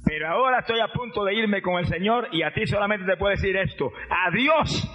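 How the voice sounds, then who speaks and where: Brief: a preacher putting on a devout dying old mother, hushed and gentle. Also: sits high, expressive, a little fast. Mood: tender farewell. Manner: soft, tender farewell. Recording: dull lo-fi recording, faint music.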